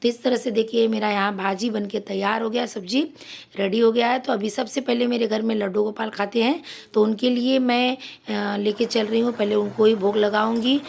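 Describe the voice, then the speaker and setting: A woman with a hoarse throat narrating her daily household routine as a casual vlog voice-over, explaining each step. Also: fairly high pitch, fairly even intonation, normal speed, a little mellow. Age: adult mother. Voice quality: gravelly. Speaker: vlogger.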